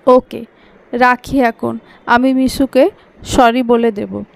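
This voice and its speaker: Woman doing a cheeky little boy, petulant, talks back, bit high. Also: steady tone, gravelly. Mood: grudging. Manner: petulant, quick to talk back. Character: stubborn little boy quarreling, sulky and cheeky.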